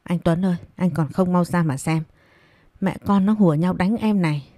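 A woman's voice: fairly low pitch, normal speed, mellow, dry recording, lightly acted. A woman voicing a spiteful, scheming middle-aged mistress who taunts and sneers. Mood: shrill.

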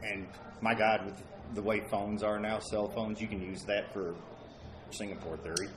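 A man's voice: lowish voice, level tone, normal speed, noisy background. A man co-hosting a casual paranormal talk show, giving blunt, opinionated takes on ghost-hunting gear. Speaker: paranormal investigator co-host. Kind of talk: casual chat. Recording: echoey room.

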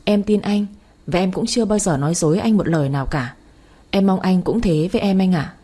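A woman voicing a gentle, trusting young wife who speaks softly and pleadingly. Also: fairly low pitch, a little fast, husky. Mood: tender.

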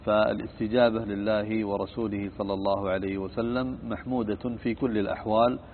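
A low-voiced man teaches a religious lesson, his pitch staying flat and level. He explains steadily, filling pauses with long drawn-out sounds. The audio is thin and phone-like, with a faint hiss underneath. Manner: measured explanation with frequent "aah" fillers.

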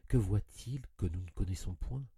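A man's voice: lowish voice, moderate pace, dark tone, husky, no echo. A man giving a dramatic literary reading of a story in an intense, anguished storytelling manner, on a close studio mic. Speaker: audiobook reader.

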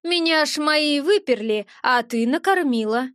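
Brief: a rude little eared sprite, grumbling in rustic slang, high and squeaky, put on by a woman narrator. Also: lively intonation, measured pace, a bit bright, no echo, clean studio sound. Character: grumpy little eared winged male sprite.

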